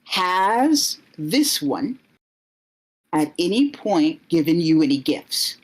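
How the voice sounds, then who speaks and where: Woman as stiff, jealous old-world vampire man, formal, slow and low. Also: big pitch swings, slightly rough, exaggerated voice. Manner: formal, stiff, stumbling when caught out. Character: jealous centuries-old male vampire official.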